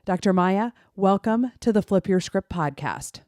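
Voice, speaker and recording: A woman's voice: mid-range voice, animated, measured pace, dark tone, dry recording, studio quality. A woman hosting a podcast, introducing her guest and asking questions in a conversational, inquisitive way. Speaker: host. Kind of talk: podcast interview.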